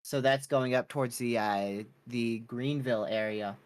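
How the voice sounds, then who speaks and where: Male weather stream host, mid-pitched voice, casual and unscripted live storm updates. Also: steady tone, a little slow.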